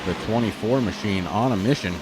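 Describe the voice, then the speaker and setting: A man's voice: lowish voice, brisk, very noisy. A man calling a stock car race as a play-by-play motorsport commentator, with an announcer's delivery that draws out key phrases.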